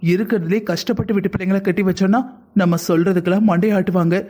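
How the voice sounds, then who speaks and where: A woman voicing an angry young wife and protective elder sister in a cartoon family drama, sharp and accusing. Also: mid-range voice, steady tone, quick pace, lightly acted. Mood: scornful.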